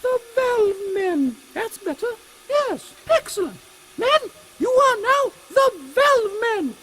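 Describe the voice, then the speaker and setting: A man's voice: very high-pitched, very animated, slow, very noisy, heavily acted. A man voicing a haughty, commanding English queen in a steampunk audio comedy. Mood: brisk, regal. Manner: pompous, regal, commanding. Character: imperious, brisk Queen Victoria, haughty older British woman.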